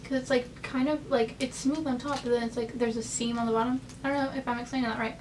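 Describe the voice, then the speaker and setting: A woman's voice: fairly high pitch, steady tone, quick pace, far from the mic, noisy background. A young American woman vlogging casually from her bed, rambling chattily with lots of fillers. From United States. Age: young adult. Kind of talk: casual chat. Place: in bed, bedroom.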